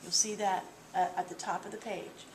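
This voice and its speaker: A woman's voice: mid-range voice, fairly even intonation, normal speed, a little hiss or hum. A woman teaching a percussion lesson, explaining patiently step by step with small fillers. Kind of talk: instructional walkthrough. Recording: roomy, distant mic with loud drumming.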